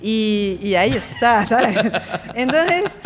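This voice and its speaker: A woman from France, speaking as a native French speaker, tells her stories in a casual interview. She is lively and animated and slips into the voices of people she quotes. Her voice carries a long reverb. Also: on the high side, slow, slight background noise. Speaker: guest.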